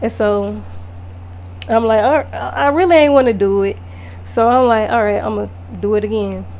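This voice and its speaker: A woman makeup artist telling a casual storytime vlog, animated and profane, full of fillers. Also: fairly high pitch, moderate pace.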